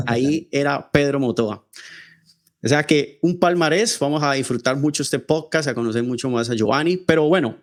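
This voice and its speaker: Colombian man, podcast host, mid-pitched voice, friendly, reading out credits. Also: moderate pace. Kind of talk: interview hosting.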